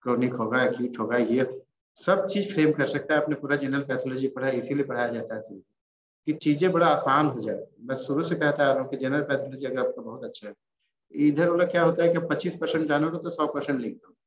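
A man's voice: mid-range voice, brisk. Bihari Hindi man lecturing in a roomy hall. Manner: informal, reassuring, repeats key terms. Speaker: veterinary pathology lecturer. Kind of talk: classroom lecture. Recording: roomy, dull, faintly noisy lecture recording.

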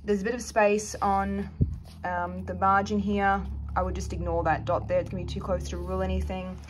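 Casual woman reviewer, frank and chatty, medium pitch, faint background noise. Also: little pitch movement, a little fast. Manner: chatty, frank, hedges opinions. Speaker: planner reviewer.

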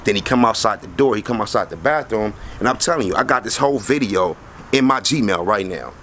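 A young man telling a story casually to a handheld camera in and around his house, slangy and animated, acting out the people he quotes. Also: fairly low pitch, a little fast, a little hiss or hum. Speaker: vlogger. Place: house interior and front porch. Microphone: handheld camera close to face.

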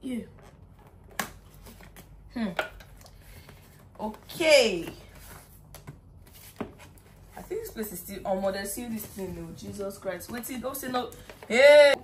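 Excitable Nigerian woman, bright high voice. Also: slow pace, long pauses, slight background noise. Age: young adult. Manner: excitable, emotional, chatty with pidgin slang. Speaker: vlogger. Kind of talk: excited unboxing vlog.

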